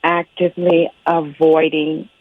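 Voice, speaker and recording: A woman's voice: low voice, completely flat delivery, unhurried, dry recording. A woman calling in over the phone to a radio show, talking bluntly and candidly with nervous laughs. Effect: heard over the phone. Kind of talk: on-air phone call. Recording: tinny phone line.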